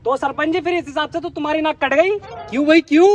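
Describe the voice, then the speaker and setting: High cheeky man in comedy sketch. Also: steady tone, fast.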